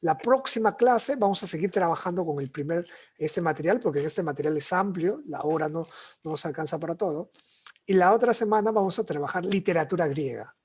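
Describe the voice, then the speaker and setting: A man's voice: fairly high pitch, animated, fairly quick, darkish tone, breathy edge. A male literature teacher, giving an online class and explaining things in a repetitive way, often checking in with his students.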